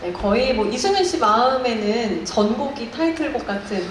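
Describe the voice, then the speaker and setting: Polite lady event host, higher voice, formal and polished, super echoey room. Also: animated, moderate pace, over a noisy crowd. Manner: polite, formal, articulate presenter. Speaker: showcase host. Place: indoor press showcase venue. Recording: very echoey hall, faint noise.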